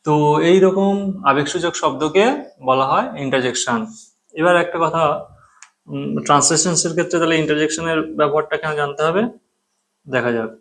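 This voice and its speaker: A male grammar teacher whose first language is Bengali and whose voice sits a little high. He explains step by step, repeating key terms and checking that the class is following. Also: a little fast, pauses often, a bit bright.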